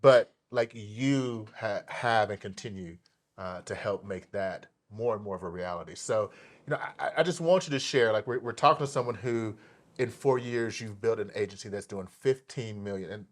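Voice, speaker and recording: A man hosting an interview show, talking with animated enthusiasm and lots of fillers and restarts. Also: lowish voice, moderate pace. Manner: animated, hyped delivery with many fillers and restarts. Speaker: podcast host.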